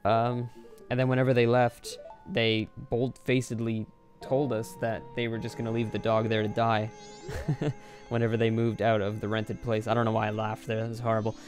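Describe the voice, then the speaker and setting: A man's voice: lowish voice, monotone, normal speed, darkish tone, faint music behind. A young man giving rambling, offhand, casual commentary over his own gameplay. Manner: rambling, offhand, self-deprecating. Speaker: Let's Play commentator.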